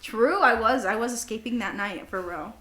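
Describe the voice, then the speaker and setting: A young woman co-hosts a podcast with her best friend, chatting casually, giggling in a goofy, self-deprecating way and reading bits from a journal. Her voice is a little high, pushed and bright, at a normal speed. The room sounds large and echoey.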